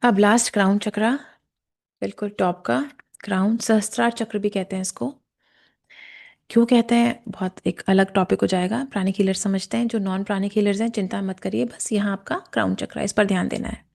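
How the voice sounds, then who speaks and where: A woman leading a guided chakra meditation lesson, speaking slowly and calmly and softly chanting verses. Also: mid-range voice, vocal fry. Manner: slow, calm instruction with softly chanted verses. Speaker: meditation teacher. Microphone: camera and mic.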